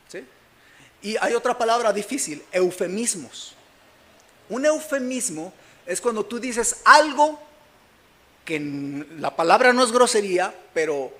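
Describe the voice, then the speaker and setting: A man's voice: high voice, fairly bright tone. A man with a Mexican Spanish accent from Mexico City, preaching a sermon as pastor and often checking that the congregation is following him. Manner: keeps asking the congregation whether they follow him.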